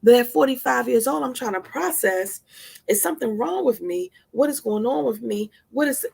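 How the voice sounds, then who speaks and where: A woman's voice: a little high, lively intonation, normal speed, creaky, a little mellow, husky. A woman in her forties hosting a live stream, giving a heartfelt motivational talk with earnest, repeated, preacher-like emphasis. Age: 40s.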